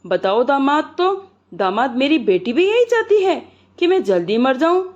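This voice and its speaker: A woman's voice: fairly high pitch, animated, measured pace, darkish tone. A woman voicing a sick old father-in-law who complains with indignant exasperation, in a dull lo-fi recording. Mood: angry.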